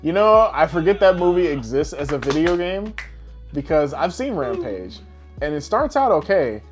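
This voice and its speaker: A male podcast co-host with a fairly high, sing-song voice chats at normal speed about games and movies, casual, blunt and slangy, swearing plenty. Soft music plays in the background.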